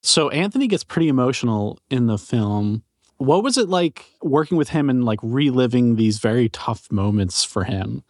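A man's voice: medium pitch, expressive, normal speed, a little mellow, no echo, clean studio sound. A man hosting a podcast, asking a guest casual, curious questions. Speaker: podcast host. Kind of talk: interview questions.

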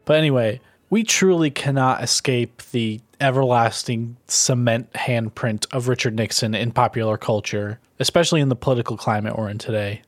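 A man's voice: mid-range voice, moderate pace, few pauses, dry recording, clean studio sound. A male host speaks in a mid-range voice, alternating between interview questions and scripted narration. He sounds conversational and curious, and faint music plays under his voice. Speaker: podcast host.

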